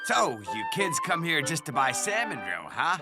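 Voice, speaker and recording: A woman voicing a gruff, apologetic shopkeeper in an overacted anime dub. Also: medium pitch, very animated, normal speed, loud music behind the voice, natural voice.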